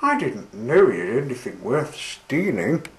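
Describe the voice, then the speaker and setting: A man voicing a calm, easygoing train driver in a storybook reading. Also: mid-range voice, measured pace. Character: calm steady male engine driver. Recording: roomy with faint hiss.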